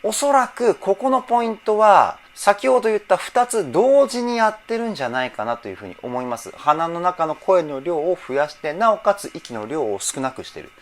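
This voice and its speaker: A man's voice: high-pitched, big pitch swings, normal speed, hardly any pauses. A man working as a vocal trainer, analyzing singing in a reaction video, emotional and teary, often laughing. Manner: emotional, repeatedly laughing and moved.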